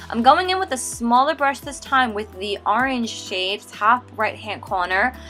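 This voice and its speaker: A woman's voice: medium pitch, sharp tone. A young woman from the United States hosting a makeup tutorial, upbeat and gushing, often saying "like" as she narrates each step. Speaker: makeup artist and beauty channel host.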